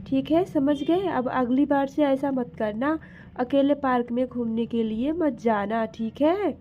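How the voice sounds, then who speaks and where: A woman's voice: high voice, measured pace, dull audio, slight background noise. A woman voicing a worried mother who lectures her two daughters sternly. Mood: scolding.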